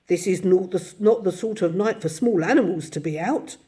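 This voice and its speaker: A woman voicing a gruff but kindly old male badger who speaks heartily, in a storybook reading. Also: lowish voice, normal speed, mellow, natural voice. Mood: hearty. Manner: hearty, grave.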